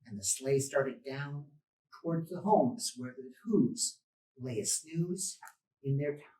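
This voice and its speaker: A man reading a children's storybook aloud in a theatrical way, with drawn-out, emphatic repetitions. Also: medium pitch, animated, dark tone. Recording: echoey room, distant microphone.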